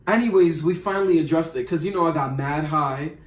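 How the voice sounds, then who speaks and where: A young man tells a story in loose slang, rambling and animated. His voice sits a little high for a man. The recording has a roomy echo. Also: brisk. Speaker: vlogger. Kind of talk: casual storytime.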